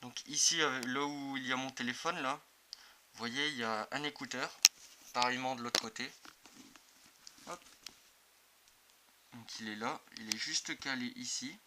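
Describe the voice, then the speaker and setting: In a clearly noisy amateur video, a man who reviews motorcycle gear demonstrates a product in a casual, unscripted, slightly hesitant way. His medium-pitched voice is bright and forceful, at normal speed with frequent pauses.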